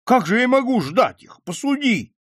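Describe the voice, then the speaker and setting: A man's voice: extremely high pitch, big pitch swings, moderate pace, fairly bright tone, dry recording, clean studio sound, voice pushed up, heavily acted. A man reading an audiobook, voicing an exasperated older male captain who scolds a begging merchant. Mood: scolding. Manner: scolding, incredulous.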